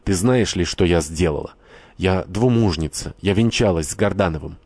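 Bitter young woman torn by anguish and revenge, read by a man in a deep, low register. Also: moderate pace, a little mellow, breathy edge, no echo. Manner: pained outbursts, vengeful.

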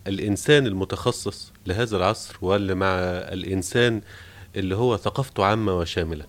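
Egyptian radio interviewer guy, low voice, quick short polite questions. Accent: Egyptian Arabic. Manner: brief, polite prompting questions.

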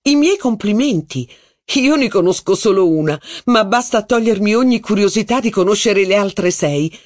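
A man reading an audiobook, voicing a haughty, witty duchess who gossips with mocking flair. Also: normal speed. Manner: mocking, gossipy, lively pitch. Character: haughty witty middle-aged aristocratic duchess.

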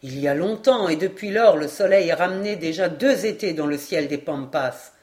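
A woman's voice: darkish tone, natural voice. A woman doing a grave, solemn Patagonian guide. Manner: slow, low, measured and solemn.

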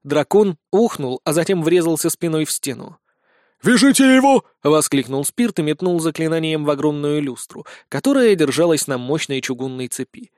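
A young man narrating a fantasy story in the first person as an audiobook, with lively delivery and dry humor. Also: on the high side, normal speed, hardly any pauses, no echo.

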